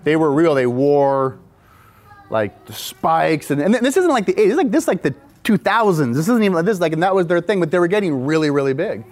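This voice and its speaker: A man's voice: fairly high pitch, animated, fairly quick. A man, a film director, casually telling an anecdote in a rambling way with frequent restarts. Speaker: music video and film director, guest.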